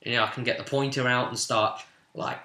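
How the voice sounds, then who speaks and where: Recapping a tabletop session casually, the game master of a role-playing vidcast tells the story animatedly, breaking into sudden emphatic swells. He speaks a little fast in a medium-pitched voice, with roomy, echoing room sound.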